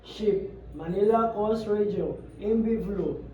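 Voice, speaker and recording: A man's voice: high voice, slow pace. A man working as a radio operator, calling in clipped procedure phrases over a marine VHF radio transmission in a scripted drill. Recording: far-off echoey lo-fi radio.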